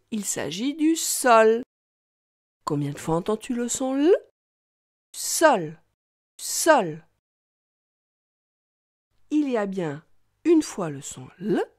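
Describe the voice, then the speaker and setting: A woman teaching young children to read, talking slowly in an exaggerated, sing-song way. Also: medium pitch, big pitch swings, darkish tone, no room sound, clean studio sound. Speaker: reading teacher. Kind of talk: children's reading lesson.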